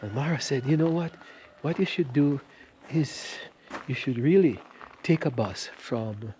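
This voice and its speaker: A man vlogging on his travels, telling a long story with restarts and animated quoted dialogue. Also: medium pitch, a little slow, a little hiss or hum, low-quality recording. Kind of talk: casual storytelling to camera.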